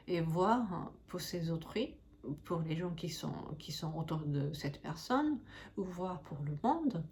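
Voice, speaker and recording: A woman's voice: on the low side, mellow. Hesitant woman vlogging, with background noise. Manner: hesitant, searching for words. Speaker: Reiki master teacher and channel host. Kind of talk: casual explanatory vlog to camera.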